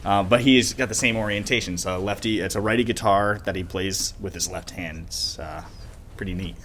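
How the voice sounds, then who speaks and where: Lower-voiced man explaining guitar technique. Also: moderate pace, a bit bright, slight background noise. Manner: explanatory, enthusiastic about technique. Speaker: guitar teacher co-host. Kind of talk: casual chat.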